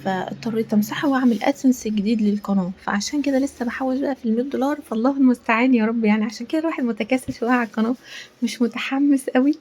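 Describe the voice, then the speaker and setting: A woman's voice: fairly high pitch, racing, darkish tone, slight background noise. A woman with an Egyptian accent, cooking in her home kitchen and chatting in a rambling way with frequent pious asides. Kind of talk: casual chat while cooking.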